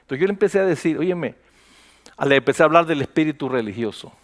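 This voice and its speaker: This male pastor talks very fast in a fairly high voice, turning his sermon into a lively, conversational retelling complete with acted-out dialogue.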